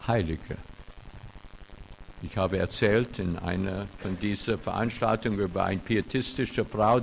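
A man in his seventies, a retired pastor, preaching a sermon in with grammar slips, with animated loud emphatic peaks and wry self-mocking humor. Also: lowish voice, creaky, slight background noise, low-quality recording. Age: 70s. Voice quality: non-native German with grammar slips.

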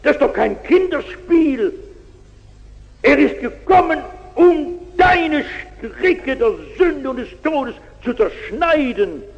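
A man's voice: very high voice, expressive, slow, gravelly, pitched above the performer's own voice, exaggerated voice. A man playing a fervent believer urging a drunkard to rise, in an urgent, rising exhortation. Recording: dull, echoey hall recording.

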